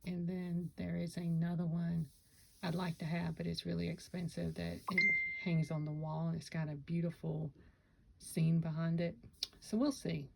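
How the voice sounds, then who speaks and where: A woman's voice: fairly low pitch, little pitch movement, moderate pace, creaky, noisy background. A woman chatting casually to camera about her Lego builds, rambling and correcting herself, with hiccups. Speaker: Lego vlogger. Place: home Lego room.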